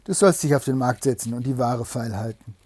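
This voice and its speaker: A man's voice: mid-range voice, a little fast, a little mellow, breathy edge, no echo, close to an everyday voice. A man voicing a stern, impatient poor husband who scolds his wife in a fairy tale. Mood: stern scolding.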